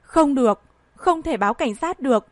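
A woman's voice: sits high, animated, moderate pace, no echo. A woman voicing a scheming, tearful plotter. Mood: pleading. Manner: pleading and self-pitying.

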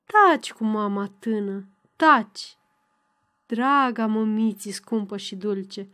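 A woman's voice: high voice, expressive. A woman voicing a flustered, doting middle-aged mother who fusses tenderly. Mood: soothing. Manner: fussing, emotional, tender.

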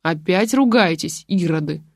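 A woman voicing a coarse old grandmother who scolds in a slow, booming bass. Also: lively intonation, darkish tone, no room sound, clean studio sound. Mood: scolding.

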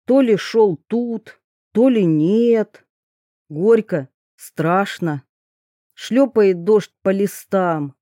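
A woman narrating a folk-style fairy-tale audiobook in a measured storytelling way. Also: mid-range voice, dark tone, no echo, studio quality.

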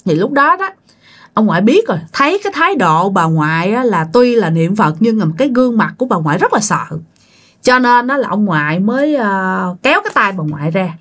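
With a Southern Vietnamese accent, a woman casually tells a ghost story, chatting and speaking directly to her listeners. Her voice is medium-pitched and a bit bright, and she talks fairly quickly in a very animated way.

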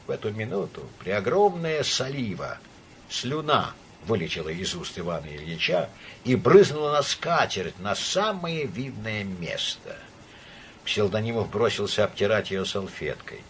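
A man reading an audiobook in a dramatic, expressive way, with a husky voice. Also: fairly low pitch, a little slow, slight background noise. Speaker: audiobook narrator.

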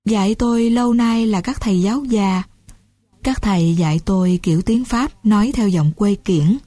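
A woman calmly reading a first-person novel aloud as an audiobook narrator. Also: medium pitch, normal speed, no room sound, faint music behind.

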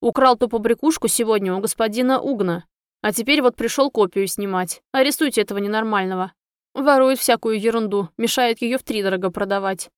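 A woman playing a petty male goblin shopkeeper in a storybook, whining and pointing the finger at a supposed thief. The voice sits fairly high and sounds close and dry, with no room around it. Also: brisk, clear, resonant tone, no echo, lightly acted. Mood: accusing.

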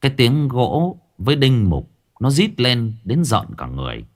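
A man narrating a ghost story in a dramatic, vividly expressive style. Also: medium pitch, a little slow, a little hiss or hum.

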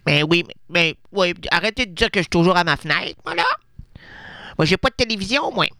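A man's voice: high-pitched, lively intonation, fairly quick, gravelly, sharp tone, no echo, clean studio sound, full character voice. A man voicing a chatty, nosy older woman radio listener with a Québécois accent, rambling and interrupting herself in a radio comedy sketch. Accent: Québécois French. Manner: rambling, gossipy, self-interrupting.

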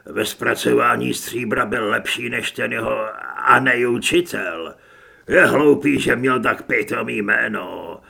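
A man voicing a coarse, hot-tempered thug who talks hoarse and rough in an audiobook. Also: medium pitch, pushed and bright, pitched below the performer's own voice, exaggerated voice. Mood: gruff.

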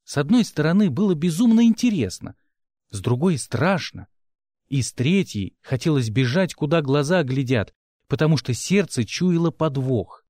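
A man narrating an audiobook with expressive first-person storytelling. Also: a little high, moderate pace, no echo, studio quality.

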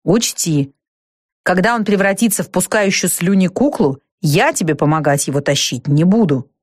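A woman's voice: on the low side, expressive, a little mellow, no room sound, studio quality. Woman doing a curt grim shadow-walker man. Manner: slow, clipped retorts. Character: gruff curt male shadow-walker guide.

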